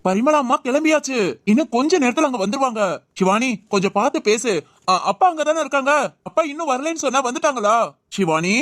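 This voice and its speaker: A woman's voice: high-pitched, lively intonation, fast talker, no room sound, clean studio sound. A woman voicing a worried young man who stammers and asks anxious questions in an amateur audio drama.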